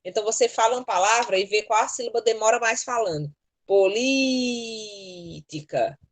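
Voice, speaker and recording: A woman's voice: on the high side, fast. A Brazilian woman teaching an online class, explaining spelling rules patiently and step by step into a computer mic. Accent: Brazilian Portuguese. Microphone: computer mic in a virtual class.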